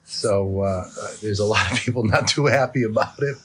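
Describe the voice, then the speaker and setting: A man's voice: fairly low pitch, normal speed, fairly bright tone, a little hiss or hum. A man from Connecticut answering interview questions in a plain-spoken, hesitant way, searching for his words. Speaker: interview guest.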